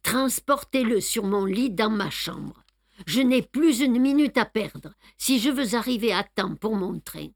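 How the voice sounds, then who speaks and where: Hercule Poirot, brisk and bossy, as a woman reader puts him on. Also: fairly high pitch, lively intonation, no room sound, studio quality. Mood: urgent. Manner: brisk, commanding, exclamatory. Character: fussy excitable older male detective. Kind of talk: audiobook reading with voiced dialogue.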